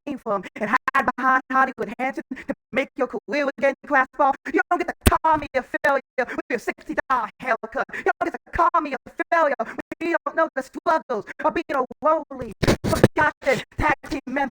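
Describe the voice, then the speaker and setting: Man, taunting promo talker, high bright voice, defiant trash talk. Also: a little fast, rough recording. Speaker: wrestling promo role-player. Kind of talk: wrestling promo role-play.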